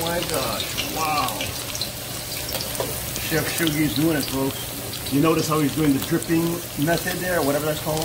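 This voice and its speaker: A man's voice: on the high side, noisy background. A man hosting an outdoor cooking vlog, narrating with exuberant whoops and exclamations. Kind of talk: excited outdoor cooking commentary. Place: outdoors by a frying pot.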